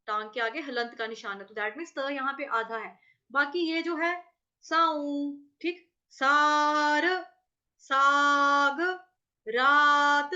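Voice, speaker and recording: High bright-voiced woman teaching recitation. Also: lo-fi sound. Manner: patient, repeats syllables and asks checking questions. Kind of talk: recitation lesson with chanted verse examples.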